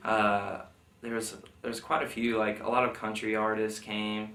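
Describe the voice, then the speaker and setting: A man's voice: fairly low pitch, level tone, moderate pace, bright, forceful tone. A man, a military veteran being interviewed, casually recalling his service in a rambling, informal way full of filler phrases. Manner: rambling, informal, heavy use of "like" and "you know". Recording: roomy, distant mic, faint noise.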